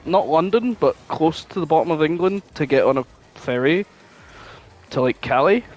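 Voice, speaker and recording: He's a podcast co-host whose voice is a little high and moderately paced, chatting casually while he rambles, curses openly and spins animated stories.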